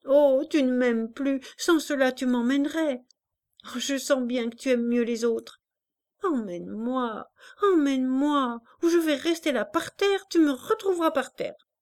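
A woman's voice: lively intonation, slow pace, a little mellow, no room sound, clean studio sound. A woman voicing a jealous, clingy little girl who begs and sobs, in a storybook reading. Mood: sobbing. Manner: begging, sobbing, raised high voice.

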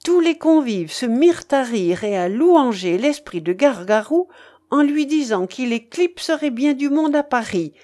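A woman narrating a classic novel aloud in a measured, expressive storytelling manner. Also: sits high.

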